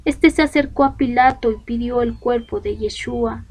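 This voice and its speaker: A woman reading scripture aloud in a measured, deliberate way, pausing between phrases. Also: a little high, darkish tone. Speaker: scripture reader. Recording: dull lo-fi recording.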